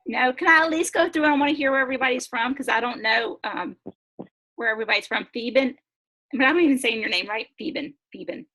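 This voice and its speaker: A woman's voice: high-pitched, quick pace, sharp tone. Upbeat woman hosting a video webinar. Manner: upbeat, chatty, breaks into laughs. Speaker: host. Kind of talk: casual webinar presentation. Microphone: video call.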